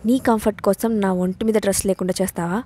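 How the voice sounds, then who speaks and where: A woman voicing a quick-tempered, childlike young bride in a storybook reading. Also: mid-range voice, fairly even intonation, dark tone, husky, close to an everyday voice. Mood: fiery, petulant.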